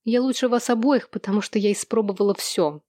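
A woman's voice: on the high side, a little fast, warm tone, no echo, studio quality, natural voice. A woman reading an audiobook, voicing a bitter, defiant woman who speaks in a cutting, contemptuous way. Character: bitter, defiant woman, self-loathing and scornful.

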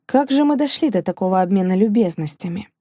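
A woman voicing a gruff, cynical older gentleman who speaks in a slow, mocking way in an audiobook. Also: mid-range voice, lively intonation, dry recording, studio quality, close to an everyday voice. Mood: sardonic. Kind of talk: audiobook character reading.

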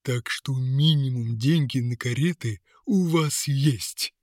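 A man's voice: medium pitch, slow pace, a little mellow, dry recording, studio quality. A male narrator voicing a sly talking sack of tricks that mocks and lectures. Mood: mocking. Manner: mocking, lecturing. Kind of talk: audiobook character voice.

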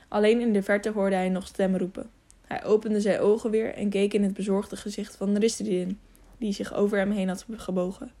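A woman's voice: medium pitch, dark tone. A woman narrating an adventure novel as an audiobook, reading steadily and now and then correcting herself.

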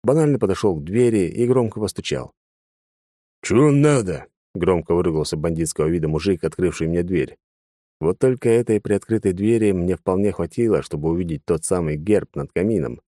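A male audiobook narrator reading a first-person fantasy story in a dry, matter-of-fact way. His voice is low and dark. The sound is close and dead, as in a treated recording booth. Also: fairly quick, dry recording.

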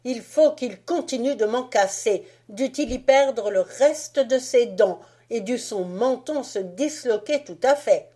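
A woman's voice: on the high side, a little slow, hardly any pauses, breathy edge, pitched above the performer's own voice. Fritz, a woman playing a swaggering bossy boy. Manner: loud, swaggering.

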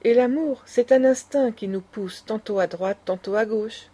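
A woman's voice: on the high side, normal speed, mellow, close to an everyday voice. A woman reading a scornful old grandmother. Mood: lecturing. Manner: impassioned, lecturing. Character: indignant aristocratic old grandmother, proud and scornful.

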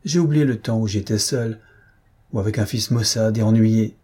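A man voicing a lively, candid young wife in a read-aloud novel, raising his voice for her. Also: on the low side, normal speed, breathy edge. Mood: earnest.

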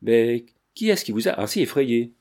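A man's voice: mid-range voice, sing-song, moderate pace, a little mellow, lightly acted. A man reading the part of an angry, imperious middle-aged prince with curt, commanding questions. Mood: impatient.

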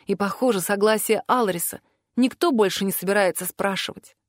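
Female audiobook narrator, expressive first-person read, dry close sound. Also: medium pitch, fairly quick, no room sound. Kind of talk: scripted narration.

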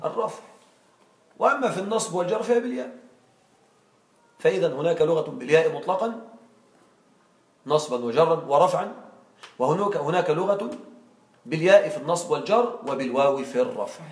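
A male teacher with a slightly high voice leads a classroom grammar lesson and keeps stopping to quiz his students. He sounds set back from the microphone, and his voice carries through a roomy, echoing space. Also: expressive, brisk, long pauses. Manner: quizzing students with frequent check questions. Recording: echoey room, far from mic.

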